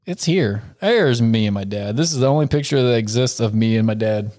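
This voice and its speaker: A man's voice: fairly low pitch, expressive, brisk, a little mellow. A young man in casual podcast chat, loose and profane, laughing often as he talks. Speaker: podcast co-host.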